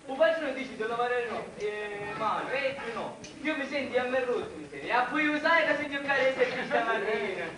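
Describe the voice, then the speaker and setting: A man's voice: very high voice, lively intonation, normal speed, few pauses, a crowd in the background. A man acting a stubborn, protesting day labourer in a stage comedy, in Sicilian dialect. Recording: echoey hall, far mic, audience noise.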